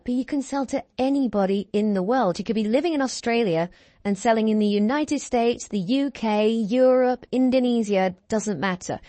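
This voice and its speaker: A woman's voice: a little high, warm tone, no room sound. Female course instructor, upbeat and reassuring, step-by-step screen-share narration, dry close sound. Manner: upbeat, reassuring, walks through steps.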